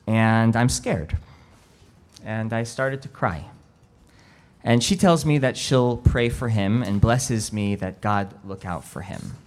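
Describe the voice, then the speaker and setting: A rabbi in his thirties shares a personal story during a sermon, speaking slowly and reflectively in a fairly low voice that goes quiet at emotional moments.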